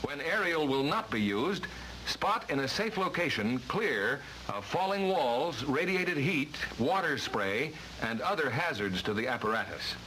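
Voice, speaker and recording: A man's voice: fairly high pitch, big pitch swings, measured pace, sharp tone. An American man narrating a vintage 1950s-style instructional film from a script, with a formal, emphatic delivery. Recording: noisy vintage training film soundtrack.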